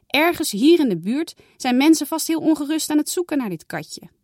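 A kind, firm mother, voiced by a woman reading aloud talks calmly to her two girls, setting rules gently. Her voice sits fairly high and moves in a lively way. The recording is close and dry. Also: normal speed, no echo. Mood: motherly.

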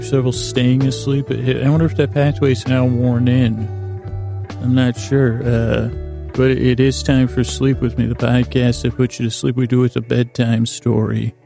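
Hosting a sleep podcast for bedtime, a middle-aged man speaks in a gravelly, creaky mid-range voice. His monologue wanders and pauses, trailing off into side topics.

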